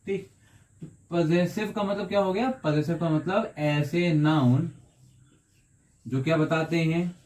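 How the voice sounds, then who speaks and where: A man teaches English grammar in Hindi in a video lesson. He asks his viewers questions and answers them himself. He drags out the example sentences slowly, word by word. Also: on the high side, a little mellow.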